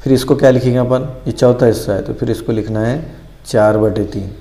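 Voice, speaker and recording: A man's voice: medium pitch, fairly even intonation, fairly quick, dark tone. A man teaching a math lesson, patiently repeating each step and answering his own questions.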